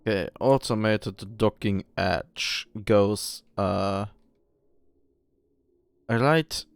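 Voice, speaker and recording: A man's voice: fairly low pitch, drawn-out words, creaky, smooth, no echo. A German man with a German accent, streaming a building game and chatting casually, laughing often and swearing at himself. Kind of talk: casual chat while playing.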